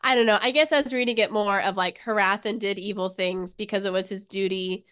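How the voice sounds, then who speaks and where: A woman's voice: medium pitch, steady tone, brisk, a bit bright, clean tone. A young woman co-hosting a podcast, retelling a book's plot in casual chat with a hesitant, giggly manner. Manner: hesitant, lots of filler, giggly. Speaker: podcast co-host. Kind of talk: casual book discussion.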